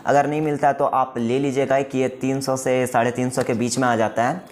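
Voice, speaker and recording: A man's voice: medium pitch, little pitch movement, brisk, faint music behind. A man giving a casual product demo, explaining each step and often checking in with the viewer. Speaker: music shop staff demonstrating a keyboard. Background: faint keyboard tones.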